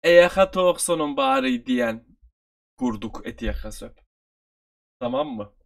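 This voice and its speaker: A man with a Turkish accent, from Turkey, teaching an online review lesson and repeating phrases slowly for his learners. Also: medium pitch, animated, gravelly.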